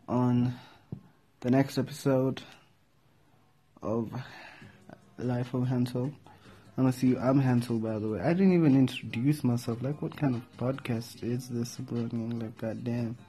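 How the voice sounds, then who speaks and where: A man's voice: mid-range voice, fairly even intonation, takes it slowly, pauses often, warm tone, slightly rough. A young man hosting a casual podcast, talking in a laid-back, slangy, rambling way with lots of fillers. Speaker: podcast host.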